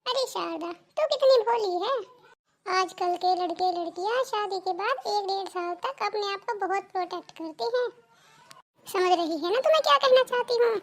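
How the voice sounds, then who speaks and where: A woman's voice: very high-pitched, lively intonation, normal speed. A woman voicing a scheming, gossipy older neighbor in a cartoon, speaking in an insinuating way. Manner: insinuating, stirs suspicion. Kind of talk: cartoon dubbing.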